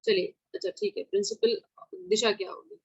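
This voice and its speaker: A woman teaching an informal exam-prep lesson, mixing Hindi with English terms and slowly spelling words out. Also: mid-range voice, sing-song, breathy edge, dry recording, lo-fi sound. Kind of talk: online exam-prep lecture.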